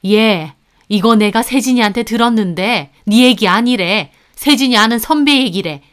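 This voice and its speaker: A woman's voice: a little high, normal speed, a bit bright, close to an everyday voice. A woman voicing a scornful middle-aged mother-in-law. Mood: dismissive. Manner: scolding, dismissive.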